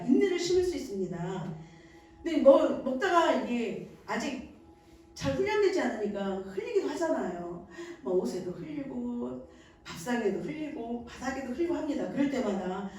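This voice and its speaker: A woman teaching parents in a church service, warmly acting out the gentle words a mother says to her baby. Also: high voice. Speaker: church infant ministry teacher. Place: church hall. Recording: echoey room, voice from far off the mic.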